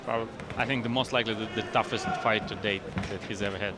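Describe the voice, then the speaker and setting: A man giving unscripted, analytical fight commentary in a halting way, repeating words as he goes. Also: lowish voice, steady tone. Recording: very loud arena noise behind.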